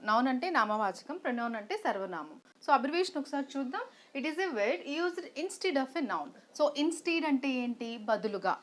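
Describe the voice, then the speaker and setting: A woman with a Telugu accent teaching an online English grammar lesson, explaining step by step and asking rhetorical questions, switching between Telugu and English. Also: a little high.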